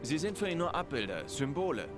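A man playing a serious, analytical investigator in a dubbed video game, giving a measured, matter-of-fact briefing. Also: fairly high pitch, sing-song, music in the background. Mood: serious, factual. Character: serious analytical male investigator in his thirties.

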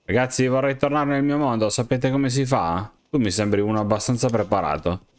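Excitable man talking to game characters. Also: medium pitch, fairly quick. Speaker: gamer. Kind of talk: game commentary, role-playing as himself.

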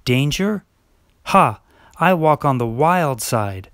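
A man's voice: fairly high pitch, animated, slow, a bit bright, dry recording, studio quality, full character voice. A man playing a boastful, eager young male lion cub in an amateur stage play. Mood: cocky.

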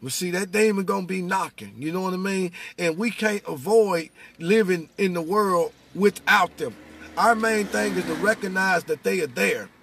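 Sitting inside a vehicle, a middle-aged American man with a raspy, high-pitched voice gives impassioned, casual testimony about faith at normal speed. He's animated and preacher-like, repeating phrases for emphasis.

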